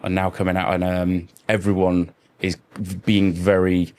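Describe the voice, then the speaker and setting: A man in his forties chats casually on a music podcast. His voice sits a little low, and he rambles, cracks puns and pokes fun at himself. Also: flat delivery, moderate pace, darkish tone. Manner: jokey, rambling, self-deprecating, fond of puns. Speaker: podcast co-host, guitarist. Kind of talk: casual chat.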